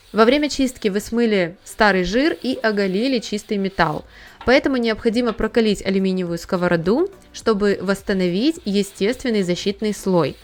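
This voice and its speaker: A woman giving a calm, step-by-step scripted voice-over on cleaning a pan. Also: medium pitch. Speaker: home cleaning tips host.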